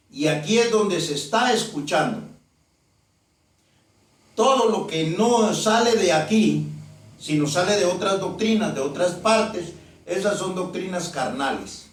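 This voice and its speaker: Preacher, male, fairly high voice, emphatic sermon, recorded from a distance in a very echoey room. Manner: emphatic, repeats phrases, reads verses slowly. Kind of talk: sermon with scripture reading. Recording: very echoey, from far off the mic.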